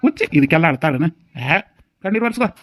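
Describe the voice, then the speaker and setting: A man's voice: sits high, big pitch swings, fast talker, no echo. A man voicing a teasing, comforting young village brother in a cartoon, with a North Karnataka Kannada accent. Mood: coaxing. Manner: teasing and coaxing. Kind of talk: cartoon voice acting.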